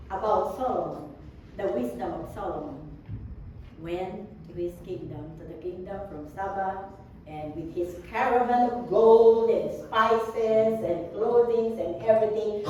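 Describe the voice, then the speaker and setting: A woman preaching a sermon, talking slowly with many fillers and restarts, heard from a distance in an echoey room. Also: medium pitch, a little mellow. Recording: distant echoey room with faint background noise.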